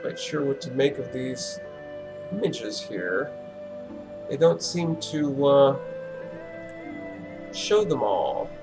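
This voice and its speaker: A man hosting a casual livestream, thinking aloud in a relaxed, musing way with many fillers. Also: mid-range voice, slow pace, long pauses, over music, rough recording. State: relaxed and yawning. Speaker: livestream host.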